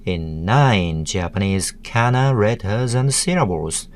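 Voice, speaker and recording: A man narrating a language tutorial in a measured, deliberate way, breaking words into syllables. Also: on the low side, animated, a little hiss or hum. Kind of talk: slow instructional narration.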